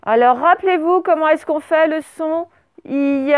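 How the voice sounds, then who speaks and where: A woman teaching a primary class, dictating words slowly and spelling them out letter by letter. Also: high-pitched, no echo. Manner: slow, over-articulated dictation of words.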